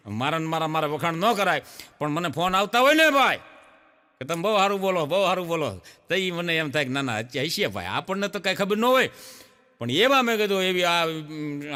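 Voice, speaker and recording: Brief: male comic, lively, bright delivery on a reverberant stage. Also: sits high. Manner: folksy storytelling, frequent "he says" asides. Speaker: stand-up comedian. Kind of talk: stand-up joke telling. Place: stage program.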